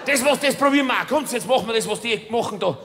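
A man on a cabaret stage voicing a group of excited, naive male villagers who shout eagerly in high voices. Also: very fast, some chatter behind, exaggerated voice. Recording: reverberant theater hall, faint noise.

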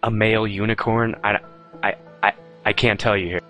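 A young man co-casting an online game match, making quick announcements and teasing his partner. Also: lowish voice, fairly even intonation, a bit bright, faint music behind, poor audio. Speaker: esports caster. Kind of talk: live esports commentary.

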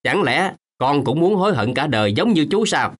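An actor playing a kindly, remorseful old man in a radio drama, gentle at times and firmly scolding at others. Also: on the high side, very animated, normal speed. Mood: stern. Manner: gentle, then firm and scolding.

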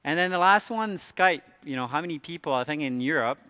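Speaking fairly quickly with lively intonation, this French man with an American accent has a slightly high, sharp voice, and the large conference hall leaves a long reverb tail. His presentation stays casual and conversational, with fillers and restarts.

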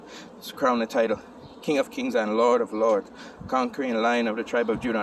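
Young male vlogger, Rasta speech, insistent and repetitive reasoning, mid-pitched, distant outdoor phone sound with faint noise. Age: young adult. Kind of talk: Rasta speech, informal reasoning talk to camera. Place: outdoors under open sky and trees. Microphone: phone held at arm's length.

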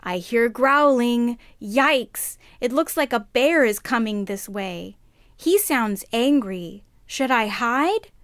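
A woman voicing a kind, timid little girl in a children's puppet show, sweet and deliberate. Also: fairly high pitch, animated, no echo, studio quality. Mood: nervous.

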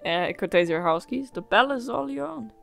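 A woman's voice: fairly high pitch, expressive, a little fast, creaky, soft background music. A young woman giving casual, reactive let's play commentary in a rambling way. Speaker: gaming let's player.

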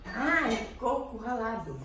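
A woman's voice: on the high side, sing-song, measured pace. An older woman, a grandmother with a Brazilian Portuguese accent, chatting at home and making laughing, dramatic complaints. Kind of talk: casual family chat. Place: home kitchen and living room, indoors. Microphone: phone camera held nearby. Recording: echoey home room with background noise.

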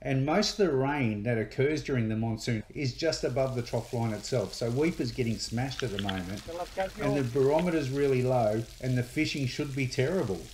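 A middle-aged man with an Australian accent walks through the facts in a plain, matter-of-fact way. His voice sits at an ordinary pitch for a man. A faint noise runs underneath, and he is recorded by a camera in a home kitchen. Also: normal speed, a little mellow, poor audio. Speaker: fishing show host. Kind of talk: explanatory fishing video. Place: kitchen indoors.

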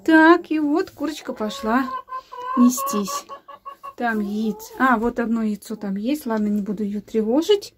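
A woman with a fairly high voice talks slowly while vlogging outdoors in her garden and chicken yard. She takes her time, hunts for words, and coos fondly at her hens. Soft clucking and faint noise sit behind her on a handheld camera. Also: big pitch swings. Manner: unhurried, searching for words with many fillers; cooing affectionately to her hens. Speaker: village vlogger. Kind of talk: casual walk-and-talk vlog.

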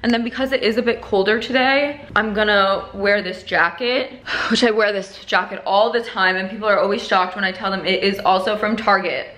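A woman's voice: medium pitch, a little fast, few pauses, a bit bright. Young woman vlogging in an echoey room. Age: young adult. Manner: rambling, peppered with "like". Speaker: lifestyle vlogger. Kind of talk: casual chatty vlog to camera. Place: indoors at home, mostly a living room or bedroom. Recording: echoey room with faint noise.

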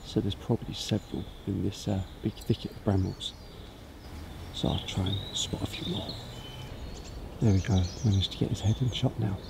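A man's voice: fairly low pitch, steady tone, moderate pace, creaky. British man vlogging outdoors, noisy ambience. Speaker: wildlife vlogger. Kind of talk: casual vlog chat to camera while out walking. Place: outdoors on heathland and in open woodland. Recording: outdoor background noise, birdsong and ambience.

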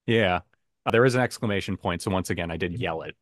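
A man's voice: deep voice, fast, no room sound, studio quality. A man hosting a podcast guessing game in a casual, playful, self-mocking way. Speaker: podcast game show host.

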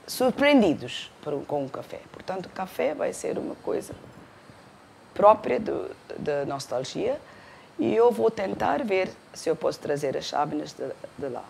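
Older woman, restaurant owner, gravelly and measured, faint room noise. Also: deep voice, darkish tone. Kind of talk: interview. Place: indoor room.

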